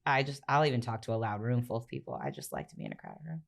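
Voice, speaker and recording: A woman with a low voice trades playful jabs in relaxed podcast banter. She teases and laughs readily between her points. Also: creaky. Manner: teasing, quick to laugh. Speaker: podcast co-host. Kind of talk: casual chat.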